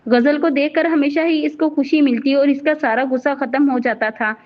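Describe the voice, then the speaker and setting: A woman with a high voice narrates a novel in a steady, even way, as in scripted audio storytelling. The recording sounds dull and lo-fi. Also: normal speed.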